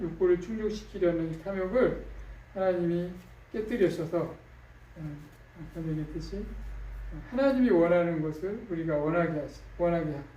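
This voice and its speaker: A man's voice: high-pitched, dark tone, muffled recording. Guy pastor preaching casual-like, lots of "you know?", kinda far off mic, echoey church. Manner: conversational preaching with frequent fillers and tag questions. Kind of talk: sermon. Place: church sanctuary. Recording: echoey room, distant mic.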